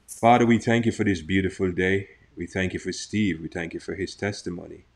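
A man's voice: deep voice, fairly even intonation, brisk. A man hosting a faith talk show, leading a prayer and joking with his guest. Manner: friendly, jokey banter. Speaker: host.

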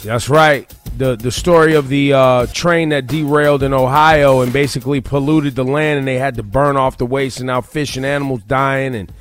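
A man's voice: mid-range voice, fairly even intonation, normal speed, few pauses. An American man hosting a radio show in casual, slangy, opinionated talk, repeating phrases for emphasis. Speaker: radio morning show host. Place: radio studio. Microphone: close studio broadcast microphone. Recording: dry studio sound over music bed.

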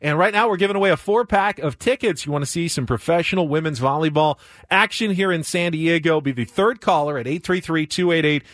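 A man's voice: a little high, fairly quick, a bit bright, dry recording. An American man hosting sports radio, reading a contest promo to listeners in an announcer-like way from a studio. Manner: announcer-like, addressing listeners directly. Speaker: sports radio show co-host. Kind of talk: radio contest promo read and segment tease.

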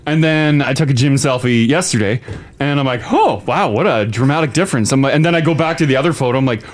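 A man's voice: mid-range voice, quick pace. A man co-hosting a podcast, joking about himself and laughing often in casual chat. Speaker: podcast co-host.

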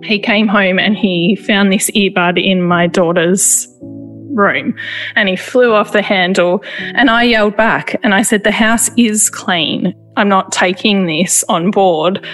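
A woman, retelling a painful personal experience in a halting, emotional way, with frequent restarts. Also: mid-range voice, fairly bright tone. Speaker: interviewee. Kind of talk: personal testimony.

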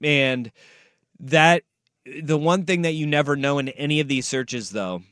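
A man's voice: a little high, unhurried, fairly bright tone, dry recording, clean studio sound. A man hosting a casual sports talk radio show, conversational and given to repeating phrases for emphasis. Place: radio studio.

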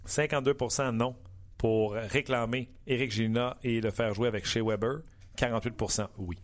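A man with a Quebec French accent hosting a sports show, chatty and upbeat with drawn-out fillers. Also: mid-range voice, fairly even intonation. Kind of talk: interviewing and chatting.

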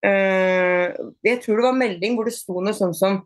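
A woman being interviewed on a podcast, chatting casually, with many fillers and restarts and lively retold dialogue. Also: medium pitch, no echo, clean studio sound. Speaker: podcast guest, bodyfitness athlete.

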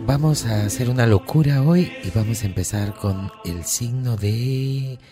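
A man playing a mystic male astrologer who reads the horoscope in a low, slow, solemn voice. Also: over music, lightly acted. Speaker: horoscope reader.

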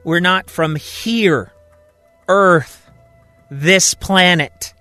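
A man voicing a hesitant, mysterious male stranger in a narrated story, speaking in a raised, halting voice. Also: high-pitched, pushed and bright, no room sound, faint music behind, voice pushed up, heavily acted.

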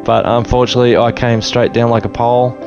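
A man in his forties with an Australian accent, a guest telling his life story in a relaxed, rambling way full of restarts. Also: mid-range voice, quick pace, lo-fi sound, over music. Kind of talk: casual storytelling interview. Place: his home.

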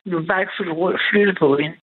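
A woman's voice: on the low side, slightly rough. Woman, caller, tinny phone line, rambling, eager, many restarts. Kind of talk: emotional personal story on night radio.

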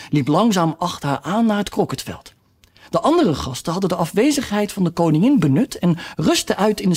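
A narrator reading a children's classic aloud with expressive delivery. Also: mid-range voice, husky. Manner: expressive storytelling. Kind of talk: audiobook reading.

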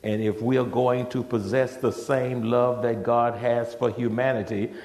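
A man preaching a sermon at a pulpit microphone in a large church, speaking in deliberate, emphatic phrases with pauses. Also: mid-range voice, level tone, a little mellow. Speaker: pastor preaching. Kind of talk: sermon with scripture reading. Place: large church sanctuary with overflow seating. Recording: echoey church sound system.

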